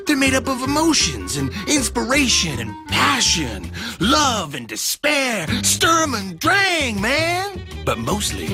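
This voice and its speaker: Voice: medium pitch, pitched above the performer's own voice. A voice actor doing a cool beatnik jazzman. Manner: hip slang, drawling then clipped. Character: cool beatnik jazz musician man. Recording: cartoon with loud music behind.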